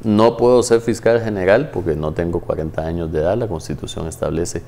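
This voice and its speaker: A man speaks low and mellow in a TV studio interview. He explains things in a measured way, pausing often on hesitant fillers. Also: a little hiss or hum. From Guatemala. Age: 30s. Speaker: guest, former tax agency head.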